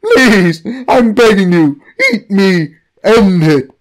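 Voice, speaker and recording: Man doing a gurgling blob god, whiny, high-pitched, slow. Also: expressive. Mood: pleading. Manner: whining, pleading. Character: whiny gurgling male cheesesteak blob deity.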